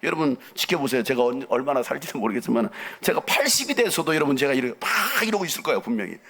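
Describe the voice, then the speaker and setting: A middle-aged man preaching a lively, theatrical sermon to young people as a pastor. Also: medium pitch, fast talker, husky. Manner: animated, theatrical, acts out quotes and jumps around.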